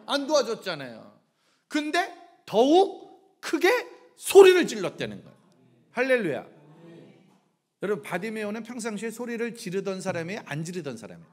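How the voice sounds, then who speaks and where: A middle-aged pastor preaching a revival sermon in a church, firing either-or questions at the congregation and acting out shouts. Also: male voice, very high voice. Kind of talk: lively revival sermon with call-and-response questions. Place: church sanctuary.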